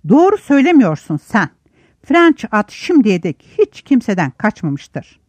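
A woman's voice: fairly high pitch, sing-song, measured pace, a little mellow, no echo. A woman voicing a schoolboy who insists another boy is not telling the truth. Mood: insistent. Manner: insistent, then sweetly reasoning. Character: doubting boy, sharp and contradicting.

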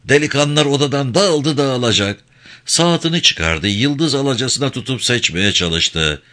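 A man narrating a novel in a measured storytelling way. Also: medium pitch, lively intonation, sharp tone. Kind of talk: audiobook narration.

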